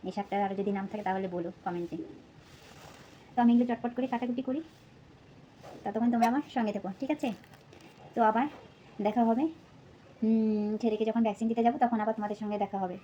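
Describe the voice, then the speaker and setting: While chopping vegetables in her kitchen, a young vlogger and mother of two with a Bengali accent chats softly and somewhat breathlessly, treating viewers as friends and using lots of fillers. Her voice runs on the high side and she talks fast with long pauses, over dull audio with a faint hiss or hum.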